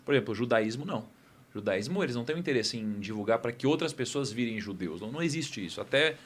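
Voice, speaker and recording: A man with an average-pitched voice talks through an idea on a studio podcast. He explains carefully and reflectively, often checking in with a quick tag question. The setting is a casual conversation. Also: animated, slightly rough. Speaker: podcast guest.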